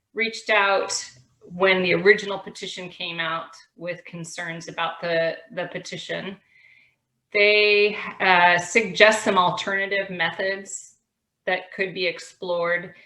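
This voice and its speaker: Woman briefing a commission over a conference call, measured and formal, roomy echo, bright tone. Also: lowish voice. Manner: measured, formal, reads from prepared notes. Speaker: commission staff member presenting an agenda item. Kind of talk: formal public meeting briefing.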